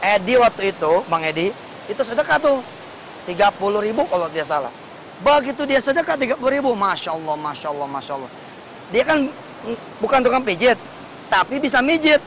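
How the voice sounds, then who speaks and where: A male preacher gives a lively, colloquial sermon and keeps asking the congregation questions. His voice sits high for a man. A faint hiss runs under the recording. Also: a little fast, pauses often, poor audio. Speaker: Islamic preacher.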